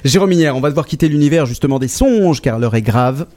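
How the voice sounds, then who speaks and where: A man's voice: mid-range voice, animated, fast talker, darkish tone, slight background noise. A man hosting a radio show, asking questions in a conversational interview style.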